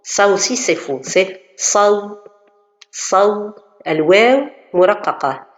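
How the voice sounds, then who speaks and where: Slow, patient woman teaching pronunciation. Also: mid-range voice, expressive. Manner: slow, careful, demonstrates sounds, repeats syllables. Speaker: tajweed teacher. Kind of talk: pronunciation lesson. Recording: echoey, dull lo-fi room recording.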